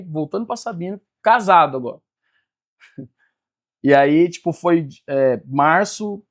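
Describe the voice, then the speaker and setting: Animated high-voiced man telling his story. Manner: animated storyteller acting out quoted dialogue. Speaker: guest, business mentor. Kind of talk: personal storytelling in a podcast interview.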